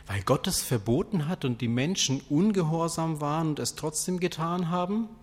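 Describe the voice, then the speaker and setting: A man preaching a sermon, asking rhetorical questions in a deliberate, questioning way. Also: on the high side. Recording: long hall reverb.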